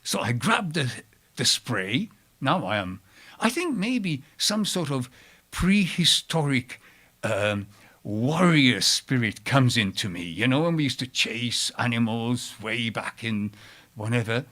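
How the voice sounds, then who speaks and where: A man telling a personal story live to an audience, with wide swings in pitch and loudness and chatty asides to the listeners. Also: very animated, slow pace. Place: storytelling event before an audience.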